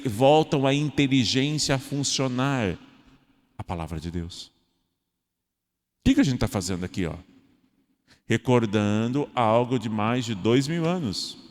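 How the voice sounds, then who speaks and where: A man preaches a homily in a church with long, ringing reverb. His delivery is lively and playful, and he slips into acted-out voices of ordinary people to make his point. His voice sits at a medium pitch. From Brazil. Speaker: parish priest.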